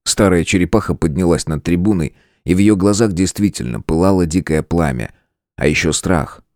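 A man reading a fantasy novel aloud as a calm, measured audiobook narrator. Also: low voice, no room sound, studio quality. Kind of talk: scripted narration.

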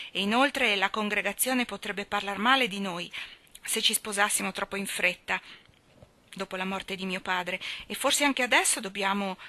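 A woman voicing a stern, brooding young man who speaks in a grave, measured way in an audiobook. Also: mid-range voice, pushed and bright, lightly acted.

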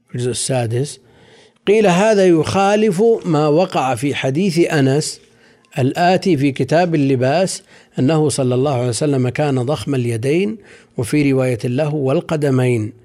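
A man explaining hadith in a slow scholarly lecture, measured and careful, lingering over word forms and quoting commentaries. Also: mid-range voice, warm tone.

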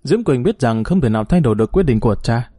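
Mellow male audiobook narrator. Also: mid-range voice, animated, fast talker, no room sound, studio quality, soft background music.

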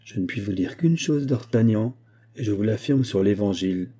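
A sly, composed churchman who speaks in measured, evasive sentences, low and dark in tone, as a man reads him aloud. The husky texture gives the calm lines a quiet weight. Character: sly, composed male bishop, hiding a plot. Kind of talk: audiobook character reading.

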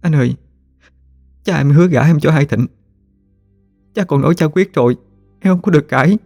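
A man's voice: on the high side, normal speed, creaky, darkish tone, no room sound, faint music behind, voice pushed up. A man voicing a frightened young village woman who pleads through tears. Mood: tearful pleading. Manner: pleading, sobbing.

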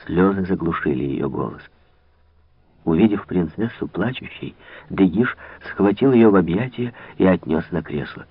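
Brief: man, very low husky voice, measured novel reading, thin phone-like old radio audio. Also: animated, no room sound. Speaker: narrator. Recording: tinny old radio broadcast.

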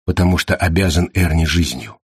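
A man voicing a calm artificial intelligence that speaks quietly and matter-of-factly in an audiobook. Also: deep voice, brisk, husky, no room sound, studio quality, exaggerated voice.

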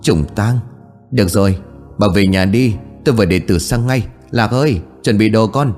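A man voicing a gluttonous, foul-mouthed old male exorcist master who talks gruff and blunt. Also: on the low side, normal speed, a little mellow, soft background music, lightly acted. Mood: alarmed, commanding.

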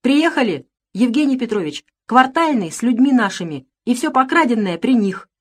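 A woman voicing an excited, breathless male servant who tells his news in a folksy gabble. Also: a little high, moderate pace, voice pushed up.

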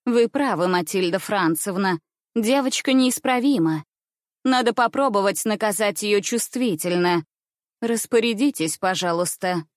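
A woman voicing a cold, stern aristocratic aunt who speaks in an icy, measured way, in a dry recording. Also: medium pitch, dry recording, natural voice.

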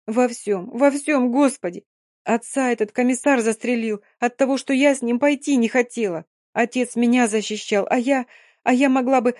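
A woman reading an audiobook, voicing a young Roma woman who is hoarse from crying, guilt-ridden and speaking in broken, halting bursts. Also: fairly low pitch, no echo, clean studio sound, lightly acted. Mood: anguished. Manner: broken, halting, rising in anguish.

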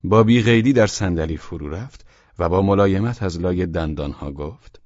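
A man narrating an audiobook in a calm, even storytelling manner. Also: deep voice, no echo, highs cut off.

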